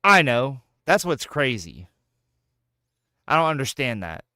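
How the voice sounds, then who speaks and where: A gaming streamer in his thirties chats casually in a mid-range voice at an unhurried pace, trading jokes, swearing and playful, animated banter. The sound is clean studio quality with no echo.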